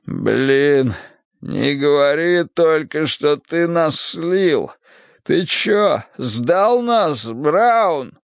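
A man voicing a dazed, poisoned crook in an audiobook, who talks in a slow, slurred, whining drawl. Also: mid-range voice, gravelly, darkish tone, clear, resonant tone, dry recording, exaggerated voice. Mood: panicked, disbelieving. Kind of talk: audiobook character voice. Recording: dull, dry audiobook recording.

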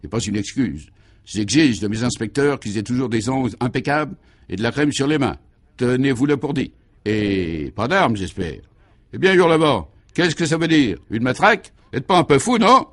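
A man voicing a dapper, fastidious police commissioner in his fifties in a vintage radio play, speaking in a clear, crisp, commanding way. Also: medium pitch, animated, natural voice. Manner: crisp, commanding, fussily precise.

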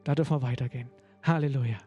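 High-voiced man preaching a casual sermon. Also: normal speed, muffled recording, over music. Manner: conversational, peppered with "ja?"; rising to emphatic, excited pitch.

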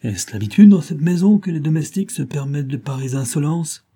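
A man voicing a disguised detective playing a grumpy, haughty gentleman who grumbles curtly. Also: on the high side, lively intonation, a little fast, pitched above the performer's own voice. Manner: gruff, grumbling, curt.

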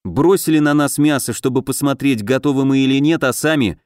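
A brisk young elf tactician in an audiobook fantasy, snapping out orders and ideas, as a man puts him on. Close and dry. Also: mid-range voice, a little mellow, no echo, close to an everyday voice. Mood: thoughtful. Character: quick-thinking young male elf tactician.

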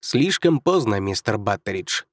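Cheerful young officer, read by a man narrator: lifted, brisk, amused, dry recording. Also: on the low side, no room sound. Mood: cheery, amused. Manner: brisk, amused, raised lively voice. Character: cheerful stocky young male military officer. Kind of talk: audiobook character voice.

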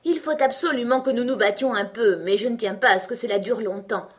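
A woman voicing Bonnet Blanc, a boastful, quarrelsome twin brother in a storybook, with a loud blustering manner. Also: a little high, fairly quick, pitched above the performer's own voice, natural voice.

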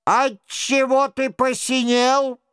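A startled, high-strung king calls out in a raised voice that keeps leaping upward, as a male narrator puts him on, every word slow and clearly shaped. The read is tight and dry, with no room around it. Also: dry recording. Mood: astonished. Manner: startled, questioning. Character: excitable agitated French king.

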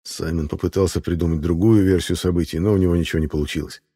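Male narrator, deep, dark tone, even audiobook reading. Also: fast, slightly rough. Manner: steady, even storytelling.

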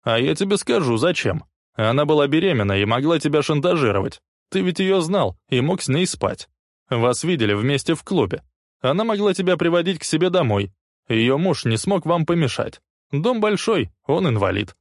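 A man voicing a furious male police detective who snarls his accusations in a hoarse voice. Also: fairly high pitch, sing-song, moderate pace, no echo, studio quality, pitched above the performer's own voice. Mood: accusing.

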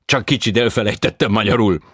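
A man voicing an expatriate male opera tenor who speaks in halting, broken grammar, slowly and emphatically, in an audiobook reading. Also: on the low side, a bit bright, slightly rough, no room sound, clean studio sound, voice pushed up. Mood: earnest, eager.

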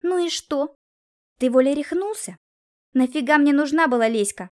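A demanding, sharp-tongued woman in a fix, read by an audiobook narrator, nagging and cajoling with a fairly high voice. The lines come quick and emphatic, full of reproach. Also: expressive. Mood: insistent. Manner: demanding, scolding, then wheedling. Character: scheming woman in trouble, pushy. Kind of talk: audiobook character reading.

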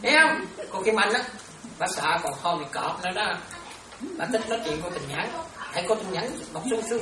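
Buddhist nun chatting in an echoey hall. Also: female voice, on the low side. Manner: chatty, laughing, addresses listeners as children. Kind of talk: informal dharma talk. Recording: roomy, from far off, crowd around.

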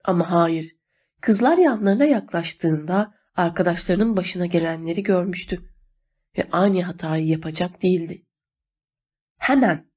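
A woman reading a novel aloud as an audiobook narrator, steady and measured. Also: fairly low pitch. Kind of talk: scripted narration.

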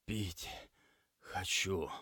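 A man doing a badly hurt young man with a hoarse, worn-out voice, speaking faintly in slow, broken phrases. His voice sits deep and low. The sound is dry and close. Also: fairly even intonation, sharp tone, no room sound, heavily acted. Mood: weak. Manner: faint, slow, halting speech. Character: hoarse injured young man, weak and quiet.

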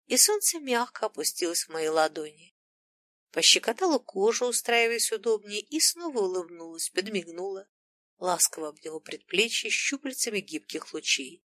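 A woman narrating a fantasy audiobook in an expressive storytelling manner, recorded close to the mic. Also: mid-range voice, no room sound.

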